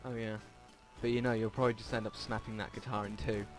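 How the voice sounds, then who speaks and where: This let's play narrator has a lowish voice with little pitch movement and talks fast. He reads a visual novel aloud informally over game music, adding asides and sometimes stumbling on words.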